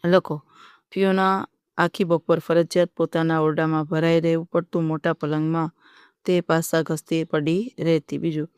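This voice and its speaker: Steady, flat-voiced teacher dictating answers. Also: medium pitch, clean tone, dry recording, clean studio sound.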